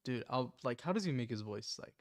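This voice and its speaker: A man's voice: mid-range voice, expressive, fairly quick, no echo, clean studio sound. A man hosting a live stream, chatting casually and rambling with lots of "like" and "um". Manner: rambling, lots of likes and ums. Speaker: livestream host.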